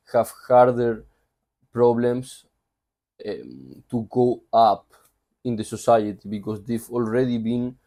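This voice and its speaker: In a casual book summary, a Spanish-accented reviewer from Spain keeps drifting into asides. He has a warm voice pitched in the middle range.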